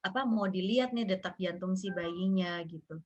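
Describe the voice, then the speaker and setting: A woman's voice: normal speed, darkish tone. A woman, recounting a personal experience with earnest feeling. She slips into the voices of others as she tells it. The audio is dull and lo-fi, like a remote call. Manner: earnest, acts out quoted dialogue with rising pitch. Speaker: guest sharing a personal story. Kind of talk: emotional personal storytelling.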